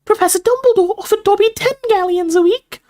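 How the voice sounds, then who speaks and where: Speaking a bit quickly with warmth, a woman gives voice to a storybook's small male house elf who is eager and servile. His voice is shrill and squeaky, his grammar broken, and he refers to himself in the third person while sounding excited and proud.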